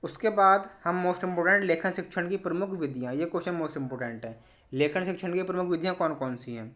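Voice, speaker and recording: A man with a slightly raised pitch talks through exam questions in a quick, instructive way. He checks in often with short confirmations and keeps stressing which answers matter. It sounds like a study lesson for students. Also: a bit bright. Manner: brisk, repeats "important" and "ठीक है". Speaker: teacher.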